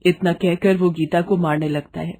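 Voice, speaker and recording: A woman reading a dramatic family story aloud in an even storytelling voice. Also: lowish voice, moderate pace, heavy background noise. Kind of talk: scripted storybook narration.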